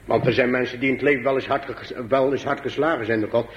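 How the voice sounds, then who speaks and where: Dramatic preacher on a dull old broadcast. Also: male voice, fairly even intonation, quick pace, a little hiss or hum. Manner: dramatic pitch swings, high pleading and low asides. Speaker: pastor. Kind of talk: sermon.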